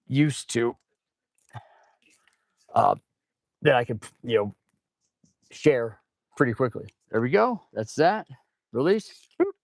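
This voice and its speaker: A livestreaming mechanic with a fairly low voice chats informally as he works in his auto shop, rambling on and calling viewers "man" and "guys." His stuffy nose leaves him breathing heavily and audibly through his mouth. The sound is clean studio audio with no room sound.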